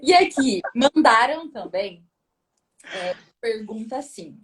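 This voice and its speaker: A woman's voice: on the high side, expressive, slow pace. Chatty woman show host. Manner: chatty, reads out viewer questions. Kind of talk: relaxed interview chat.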